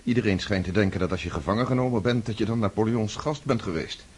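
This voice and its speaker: Earnest Pierre, low husky voice. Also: male voice, quick pace, a little mellow. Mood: wry. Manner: earnest, reflective, emotional. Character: Pierre, earnest man back from war captivity. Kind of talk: radio drama acting.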